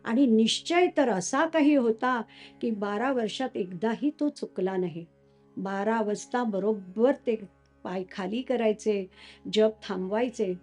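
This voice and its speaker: Animated woman telling a devotional story. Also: a little high, measured pace, faint music behind. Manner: animated, acts out quoted voices.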